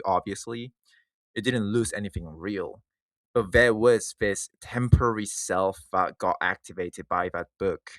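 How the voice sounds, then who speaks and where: A man giving an informal reflective monologue as a video creator, thinking aloud in halting phrases with false starts. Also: low-pitched, fairly bright tone, no echo.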